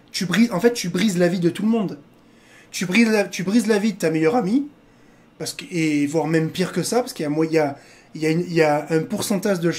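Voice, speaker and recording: A man's voice: fairly high pitch, a little mellow. Crude, joking man hosting a reaction video. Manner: crude joking, laughs often; digressive, drifts between jokes and serious remarks. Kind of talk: casual reaction commentary.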